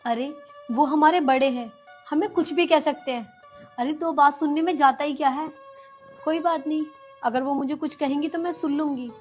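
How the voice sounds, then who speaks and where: An actress playing a patient, pleading young daughter-in-law in a village film drama. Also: female voice, high-pitched, normal speed, soft background music, close to an everyday voice. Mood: calm. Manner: pleading, long-suffering.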